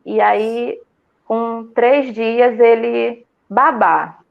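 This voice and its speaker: A woman's voice: a little high, extremely slow, creaky. Chatty Brazilian woman, dull lo-fi sound. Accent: Brazilian Portuguese. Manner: animated storyteller, many fillers and restarts. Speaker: student telling her experience. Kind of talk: casual interview.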